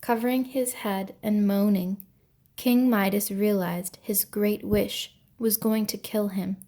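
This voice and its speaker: A woman's voice: medium pitch, steady tone, slow, dark tone. A woman storyteller narrating an ancient myth from a script, with grave, dramatic delivery.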